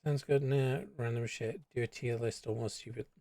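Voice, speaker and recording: A young British man in casual chat while gaming. His pitch sits in a middling range. He rambles loosely and hums silly tunes to himself, speaking close to a desk mic. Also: fairly even intonation, normal speed, warm tone, dry recording. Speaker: streamer.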